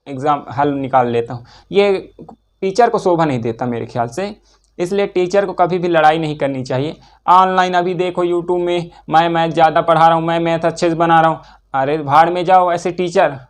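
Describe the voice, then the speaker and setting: A middle-aged man teaching a spoken English lesson with a Hindi accent, emphatic and asking and answering his own questions. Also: a little high.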